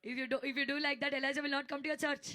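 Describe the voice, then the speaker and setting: A woman's voice: high voice, monotone, takes it slowly, bright, forceful tone. A woman interpreting a sermon live, echoing each phrase right after the preacher. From India.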